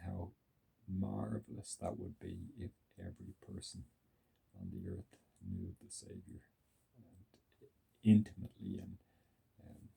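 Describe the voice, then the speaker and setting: A man with a very low, heavily gravelly voice gives reflective religious commentary. His tone is dark and mellow, and the sound is husky and rough. He talks earnestly and piles up words for emphasis. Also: poor audio.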